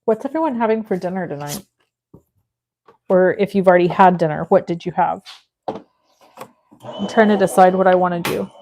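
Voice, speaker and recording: A woman's voice: fairly low pitch, normal speed, pauses often, darkish tone, slight background noise. A woman in her forties hosting a live crafting stream, chatting casually with viewers and thinking aloud as she works. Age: 40s. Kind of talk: casual chat while crafting.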